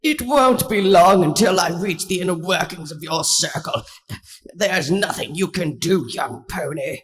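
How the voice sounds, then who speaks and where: A man voicing a loud, gloating dolphin spirit. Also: sits high. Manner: loud, drawn-out, taunting. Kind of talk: audiobook character voice.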